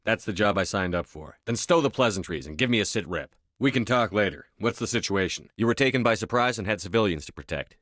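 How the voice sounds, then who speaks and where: A man's voice: fairly low pitch, expressive, quick pace, hardly any pauses, a bit bright, no room sound, studio quality. A man playing a tough military space commander in a video game, speaking in a terse, firm, authoritative way. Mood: firm, businesslike. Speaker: video game lead voice actor. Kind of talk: scripted game dialogue.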